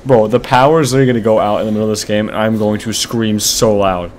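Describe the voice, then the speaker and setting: A man's voice: lowish voice, quick pace, a little hiss or hum. Jumpy young man doing let's-play commentary. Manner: excitable and jumpy, slangy. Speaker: gamer. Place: at home.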